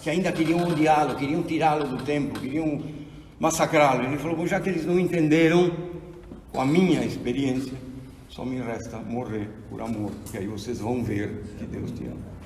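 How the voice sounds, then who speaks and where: A man from Argentina, now in his sixties, lectures an audience on theology in a hall full of echo, spinning stories with the zeal of a preacher. His mid-range voice moves briskly. The far-off mic carries a faint hiss or hum.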